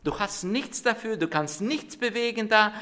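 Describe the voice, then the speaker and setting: A man's voice: high voice, animated, normal speed, bright, forceful tone. A man in preaching a sermon as a pastor, telling stories with hesitant fillers and restarts.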